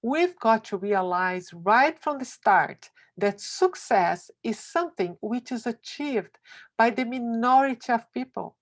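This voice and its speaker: A woman reads a motivational essay about success aloud, slowly and emphatically. Her delivery is expressive, with wide swings of pitch.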